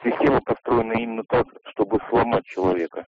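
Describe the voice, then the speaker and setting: A man's voice: lowish voice, fairly even intonation, husky, no room sound. A man calling a radio phone-in from a payphone, keeping it brief and direct. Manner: brief and direct, rushing to make his point. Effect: voice over a payphone line. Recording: muffled dry payphone line.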